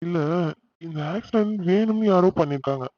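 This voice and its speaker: A man voicing a young husband just home from hospital in a cartoon, reassuring but quickly exasperated by fuss. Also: high-pitched, no echo, natural voice. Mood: tender. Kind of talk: cartoon voice acting. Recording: dull lo-fi recording.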